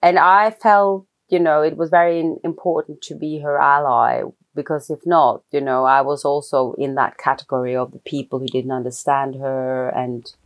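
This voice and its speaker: A woman's voice: low-pitched, steady tone, moderate pace, few pauses. A middle-aged woman, a film writer-director, speaking English as an interview guest, thoughtful and hesitant with frequent restarts. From Norway. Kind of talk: reflective personal interview.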